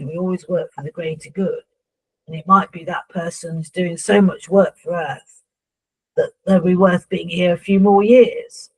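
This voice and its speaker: A woman acting as a seance medium in trance gives voice to a spirit guide who addresses humans in a solemn, instructive way. Her voice is husky and medium-pitched, and the recording is rough.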